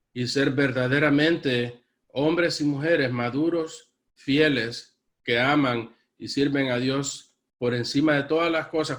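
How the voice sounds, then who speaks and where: A man's voice: mid-range voice, fairly bright tone. A man preaching a sermon as pastor, earnest, repeatedly addressing his congregation as brothers. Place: church.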